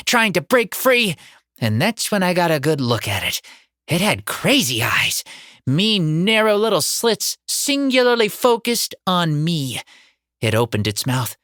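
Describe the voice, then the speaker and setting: A woman narrating a first-person horror comedy audiobook in an expressive, dramatic way with comic timing, on a close studio mic. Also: fairly low pitch, dry recording.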